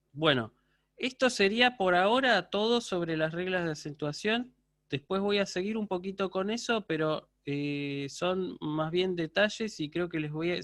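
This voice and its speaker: A man's voice: sits high, a bit bright, no echo. A man teaching a university Greek class over a video call, patiently checking in with his students. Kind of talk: online lecture.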